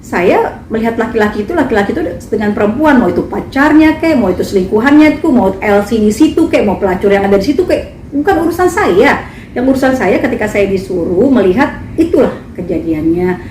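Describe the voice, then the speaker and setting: A woman's voice: on the high side, expressive, fairly quick, darkish tone, distant mic. A woman singer making an emphatic, indignant statement at a press conference. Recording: echoey, from afar, faint noise.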